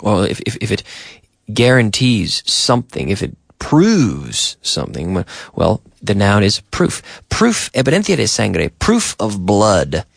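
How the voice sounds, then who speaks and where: Male radio English teacher, slow and animated, gravelly, dry studio sound. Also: dry recording. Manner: drawn-out, animated teacher voice that jumps in pitch. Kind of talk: slow, repetitive language lesson.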